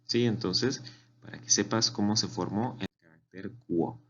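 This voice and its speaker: A man's voice: fairly low pitch, normal speed, a bit bright. A man teaching a beginner language class, patiently repeating words for learners to copy. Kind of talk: slow spoken language lesson. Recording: dull lo-fi recording with faint hum.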